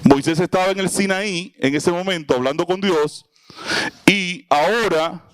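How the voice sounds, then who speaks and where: A man's voice: high-pitched, a little slow, clear, resonant tone, no room sound. A man teaching a Bible lesson to a small audience, asking them questions and acting out little scenes. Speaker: preacher teaching a Bible class. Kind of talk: sermon-style Bible teaching.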